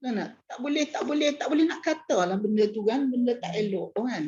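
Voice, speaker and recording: A woman's voice: a little high, expressive, fairly quick, a little mellow, slight background noise. Chatty woman teaching a religion class. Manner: chatty, repeats "nak, nak" as filler, jokes and laughs. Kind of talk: casual hadith class lecture. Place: prayer hall class. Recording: dull lo-fi recording.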